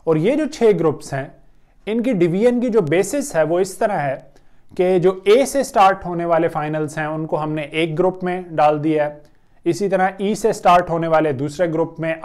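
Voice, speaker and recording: A man with an Urdu accent gives an online Chinese pronunciation lesson, and his voice sits a touch high for a man. He explains patiently, with slow stretches and thoughtful pauses. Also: darkish tone. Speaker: Chinese language teacher.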